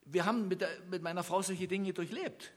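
A man from East Germany preaching a lively sermon, acting out Bible scenes and putting questions to his listeners. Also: high-pitched, fairly quick. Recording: long hall reverb.

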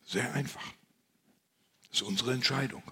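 A man preaching a sermon in a conversational, confiding way, dropping to near-whispers and rising to loud emphasis. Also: medium pitch, normal speed, breathy edge. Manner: conversational, confiding, swings between hushed and loud.

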